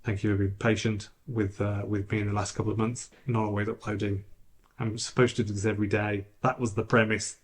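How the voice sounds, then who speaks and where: A man's voice: lowish voice, little pitch movement, a little fast. Chatty man on a robotic-sounding camera mic. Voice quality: slightly robotic, degraded audio. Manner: chatty, rambling, frequent restarts and fillers. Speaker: YouTuber. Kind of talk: casual vlog monologue. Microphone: camera's built-in mic.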